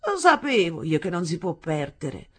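A woman's voice: on the low side, very animated, moderate pace, a bit bright, breathy edge, full character voice. A woman voicing a proud, arrogant father who talks in a sarcastic, self-satisfied and stern way. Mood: smug. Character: proud, arrogant grown father, teasing and possessive.

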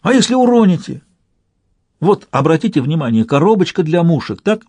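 Man voicing fussy museum keeper, fretful, high exclamations, husky, lively pitch, storybook reading. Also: dry recording. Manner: fretful, pleading, quick exclamations.

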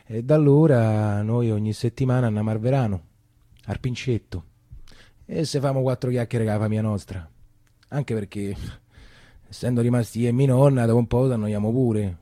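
A stage actor with a Roman accent delivers a theatrical storytelling monologue in a colloquial, confiding manner, repeating phrases as he goes. His voice is medium-pitched and mellow at a normal speed, with no echo.

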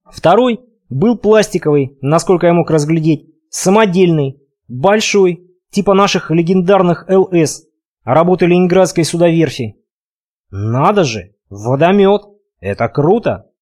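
Expressive high-voiced male narrator. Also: a little slow. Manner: expressive, conversational storytelling. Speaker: audiobook narrator. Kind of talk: first-person audiobook narration.

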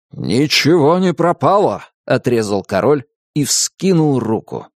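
A man narrating a storybook with expressive storytelling. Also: mid-range voice, dry recording, clean studio sound. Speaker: audiobook narrator. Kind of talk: scripted narration.

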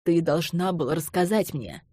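A woman reading the lines of an angry young man who speaks harshly and roughly, in an audiobook. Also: fairly low pitch, moderate pace, no echo, clean studio sound. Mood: furious. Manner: harsh, rough, shouting through clenched teeth.

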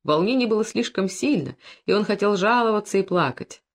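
A woman narrates classic literary prose for an audiobook. Her reading is measured and literary, at a pitch typical for a woman. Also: animated. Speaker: audiobook reader.

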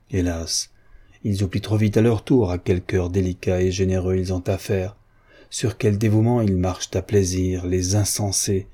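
A man's voice: lowish voice, warm tone, breathy edge. A man voicing a proud, hurt young woman in disguise. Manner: pleading, reproachful.

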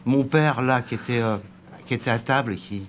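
This former bookseller, in his sixties, is a guest on a radio interview, animatedly telling an anecdote and voicing the quoted dialogue. He speaks at normal speed in a mid-range voice, and a little hiss or hum can be heard.

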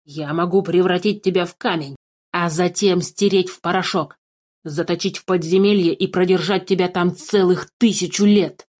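A woman voicing a greedy, fussy old male dwarf in a storybook reading, excitable and quick to curse. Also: lowish voice, natural voice. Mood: indignant. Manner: fussy, excitable, keeps cursing.

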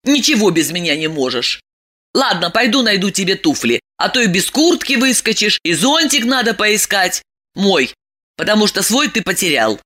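A frightened young wife cries out and grumbles at her husband in a voice pushed very high, as a reader acts her out. Her tone is shrill and nagging throughout this audiobook scene. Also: big pitch swings, normal speed, hardly any pauses, bright, forceful tone. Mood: grumbling.

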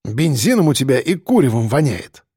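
A man's voice: medium pitch, sing-song, normal speed, dark tone, dry recording, studio quality. A man voicing a blunt, irritable heavyset police chief who mutters curtly, in an audiobook. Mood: grumpy, irritable. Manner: gruff, muttering, curt. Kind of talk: audiobook character voice.

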